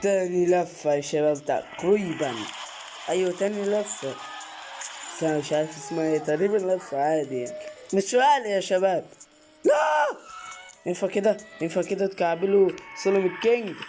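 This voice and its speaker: Excitable Egyptian man narrating gameplay. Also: quick pace, over music. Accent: Egyptian Arabic. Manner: excitable, repeats short exclamations, bursts into high yelps. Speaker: gaming channel host. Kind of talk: let's play commentary.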